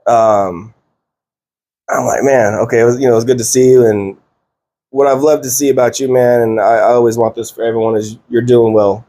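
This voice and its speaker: A man's voice: medium pitch, steady tone, brisk, dark tone. A man in his thirties hosting a podcast, chatting casually with loose slang and plenty of fillers and restarts. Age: 30s. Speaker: podcast host. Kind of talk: casual chat.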